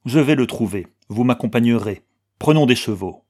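A man's voice: expressive, moderate pace, a little mellow, breathy edge. A man voicing a proud, fierce young woman with commanding outbursts in an audiobook reading. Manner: high-strung, commanding outbursts.

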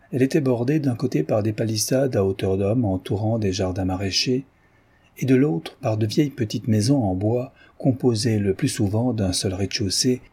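Low, husky male audiobook narrator. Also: dark tone. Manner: measured, descriptive reading. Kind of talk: scripted narration.

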